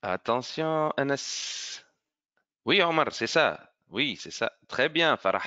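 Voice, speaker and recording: A man teaching an online French grammar lesson to children, slow and careful in his explanations and encouraging as he praises pupils by name. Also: medium pitch, expressive, bright, forceful tone, dull audio.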